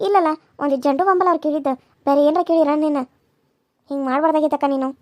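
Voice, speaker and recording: A woman voicing a gentle young village woman in a cartoon serial, speaking in a North Karnataka accent with a soft, coaxing manner. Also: sits high, rapid-fire, dry recording, natural voice. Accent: North Karnataka Kannada.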